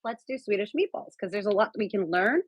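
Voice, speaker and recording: A woman's voice: medium pitch, expressive, fairly quick, husky, poor audio. A woman from San Diego, the guest cook, explaining a recipe in a chatty, casual way with lots of fillers over a video call. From San Diego, California. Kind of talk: casual cooking chat.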